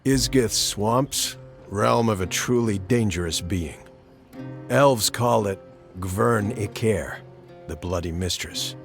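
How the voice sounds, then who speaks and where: A man voices a world-weary monster-hunting mercenary in a fantasy game, sounding blunt and sardonic. His fairly low voice moves slowly, and his delivery is laconic and matter-of-fact with clipped, colloquial phrasing. Background music runs under the dialogue.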